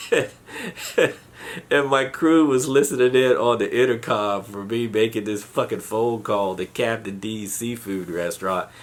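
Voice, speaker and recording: A low-pitched man tells his own service stories in a loose, conversational monologue. He swears freely and trips over repeated words as he goes. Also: moderate pace, few pauses. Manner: profane, restarts and repeats words. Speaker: podcast host, Air Force veteran. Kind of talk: casual storytelling monologue.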